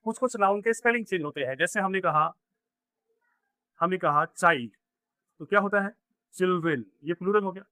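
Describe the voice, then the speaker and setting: An English teacher gives a classroom grammar lesson in Hindi, explaining step by step and asking and answering his own questions. His voice sits high and sounds bright and forceful; he speaks briskly with frequent pauses, and the recording is dry.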